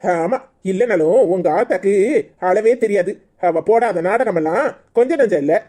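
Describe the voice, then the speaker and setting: An exasperated husband, voiced by a woman, in a cartoon, grumbling and mocking with a Kanyakumari Tamil accent. The voice is mellow and mid-pitched. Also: normal speed, close to an everyday voice. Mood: irritated.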